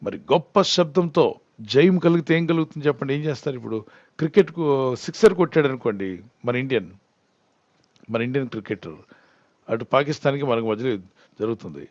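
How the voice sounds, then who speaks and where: A man in the role of a pastor, teaching in an earnest way and asking questions that he answers himself. His voice sits at an ordinary middle pitch. The recording is dry and a little dull. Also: animated, a little fast, pauses often, a little mellow, dry recording. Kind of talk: Bible Q&A teaching.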